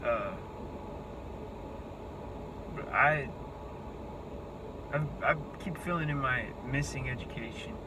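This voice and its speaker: A man in his twenties with a thin, squeaky voice, talking off the cuff in a halting, rambling way as he searches for words. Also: background noise. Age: 20s. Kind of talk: unscripted monologue to camera.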